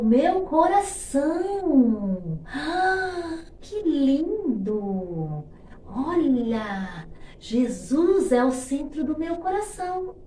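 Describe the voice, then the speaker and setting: A woman's voice: fairly high pitch, mellow. A woman with a Brazilian accent giving a coaxing devotional talk to children, often checking in with little questions. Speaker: children's Sunday school teacher. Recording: roomy, distant microphone, faint noise.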